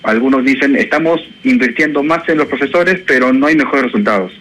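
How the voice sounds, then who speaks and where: A man's voice: medium pitch, a little fast, a bit bright, poor audio. Thoughtful man on the radio. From Chile. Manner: thoughtful, hesitant with fillers. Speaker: education professor, guest. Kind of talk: radio interview. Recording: radio broadcast with faint noise.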